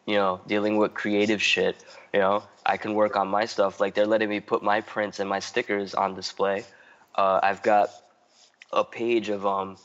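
A man's voice: on the low side, fairly bright tone, dull audio. A man chatting casually as a guest artist, rambling, filling his talk with "like" and restarts and swearing freely. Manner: rambling, heavy use of "like" and restarts. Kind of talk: casual podcast chat.

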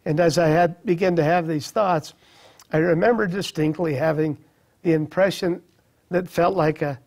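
A middle-aged man shares his personal story in an earnest, reflective way. His voice is gravelly and a little husky, with a slightly higher pitch than most men. He pauses and restarts as he recalls things. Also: fairly even intonation, darkish tone. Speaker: speaker sharing a personal testimony.

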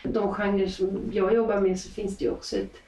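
A woman's voice: medium pitch, level tone, dark tone. A woman singer talking reflectively in a casual interview, often restarting her sentences, recorded in a small cabin. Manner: reflective, halting with many restarts. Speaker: guest singer. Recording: roomy sound from a distance.

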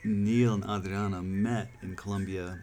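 A man's voice: lowish voice, fairly even intonation, a little slow, a little mellow. A man hosting a podcast in casual chat on an outdoor deck, hesitant with many fillers and restarts. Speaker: podcast host. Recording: background noise outdoors.

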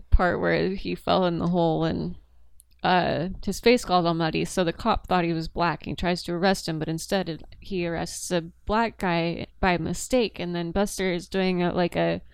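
A woman's voice: fairly low pitch, creaky, smooth, no echo. A young woman co-hosting a casual podcast, recapping a silent comedy film in a chatty, giggly way. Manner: chatty, giggly, reads plot summaries aloud. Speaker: podcast co-host.

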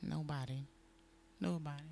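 A man's voice: on the high side, fairly even intonation, normal speed, vocal fry, dark tone, slight background noise. A man co-hosting a podcast, talking casually about politics, laughing often and acting out what people say. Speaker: podcast co-host.

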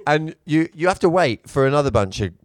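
A man's voice: fairly high pitch, animated, a little fast, dry recording, studio quality. A British man, a comedian guest, telling stories in a wry, laid-back way during a casual podcast chat. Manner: wry, laid-back storyteller, swears freely. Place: indoors, seated at a table.

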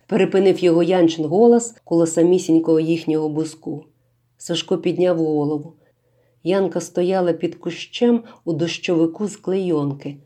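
A woman calmly reading a literary story aloud as narrator. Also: fairly low pitch.

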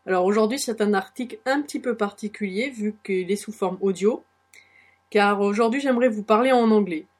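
A young woman speaks with a French accent in a relaxed, chatty lesson. She encourages her listeners and pauses often with small hesitations. Her voice sits at an ordinary middle pitch. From France. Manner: chatty, many fillers, encouraging. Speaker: blog host teaching English phrases. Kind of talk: casual audio lesson.

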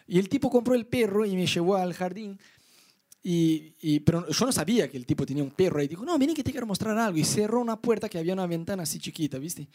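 Young Rioplatense preacher, expressive storyteller, wide-ranging lively delivery for a youth sermon. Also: male voice, fast talker. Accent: Rioplatense Spanish. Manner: lively storyteller, voices his own inner thoughts in high pitch. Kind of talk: animated sermon with acted-out anecdotes.

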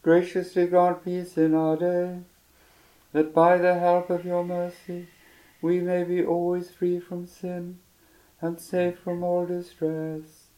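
A man leads prayers as a priest at Mass. His delivery is measured and solemn, with a flat, even pitch and a relaxed, dark tone. The church around him gives the words an echo. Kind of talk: liturgical prayer recitation. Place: large church.

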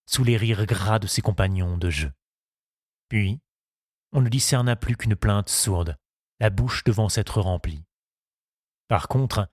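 A man narrating a story in a measured, even audiobook reading. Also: fairly low pitch, no room sound, studio quality.

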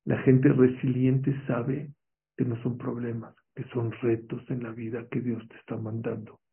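A man's voice: medium pitch, flat delivery, measured pace, gravelly. A man giving an emphatic motivational religious talk, often putting rhetorical questions to his audience. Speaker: motivational speaker. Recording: tinny, phone-like lo-fi recording.

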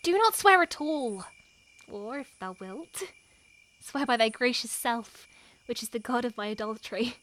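A woman performing a lovestruck, wary young noblewoman in a Shakespearean scene, her delivery moving between hushed and impassioned. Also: a little high, animated, unhurried. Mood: longing. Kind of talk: Shakespearean stage acting.

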